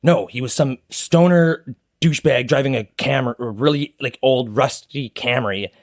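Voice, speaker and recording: A man's voice: mid-range voice, moderate pace. A man telling a rambling story on a casual podcast, full of fillers and quoted dialogue. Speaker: podcast co-host.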